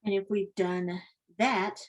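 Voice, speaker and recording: A woman facilitating an online training session, giving gentle, guiding instructions over a video call. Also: medium pitch, steady tone, slow, low-quality recording. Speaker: workshop facilitator.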